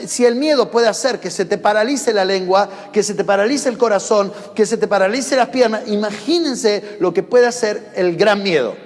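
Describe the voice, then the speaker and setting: A man with a Rioplatense Spanish accent preaching a sermon, emphatic and calling on the congregation to repeat his words. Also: high voice. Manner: emphatic, calls the congregation to repeat after him. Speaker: pastor. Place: church in the United States. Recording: long reverb of a church hall.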